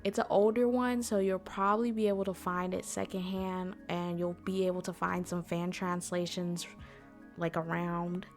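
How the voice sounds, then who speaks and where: In a lowish, level voice at a moderate pace, a woman hosts a convention panel, chatting informally and explaining things straight to her listeners. Faint music plays behind her.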